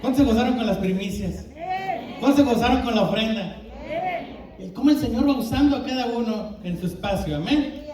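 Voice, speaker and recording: A man's voice: very high-pitched, crowd noise. A man with a Rio Grande Valley Tex-Mex accent preaching a sermon, firing questions at the congregation. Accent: Tex-Mex Spanish of the Rio Grande Valley. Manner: asks the congregation many questions, quick and lively. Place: church sanctuary. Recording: echoey church hall from a distant mic.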